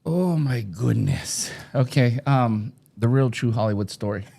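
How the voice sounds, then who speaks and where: A man's voice: mid-range voice, lively intonation, a little slow, creaky, mellow. Joking man guest telling a story. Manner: joking, playful, laughs often. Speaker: podcast guest. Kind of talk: casual storytelling chat.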